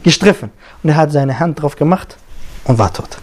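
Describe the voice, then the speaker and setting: A male preacher giving a Friday sermon, telling a story with lively acted-out dialogue and quick recited Arabic verses. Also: on the high side.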